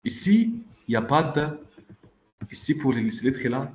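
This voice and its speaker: A man's voice: mid-range voice, lively intonation, normal speed, darkish tone, slight background noise. Patient male teacher on a video call. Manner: patient, repeats checks like "ok?" and "d'accord?". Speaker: Arabic teacher. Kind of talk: online class teaching.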